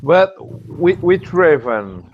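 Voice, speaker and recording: A man's voice: fairly high pitch, big pitch swings, slow, narrow, tinny audio, slight background noise. A man hosting a casual group chat on a live stream, teasing the others and laughing often.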